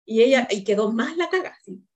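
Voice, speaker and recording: High-voiced Chilean mother, animated. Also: fairly quick, muffled recording. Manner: animated, acts out quotes of her daughter and partner. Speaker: client in a counseling session. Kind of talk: emotional recounting of family conflict.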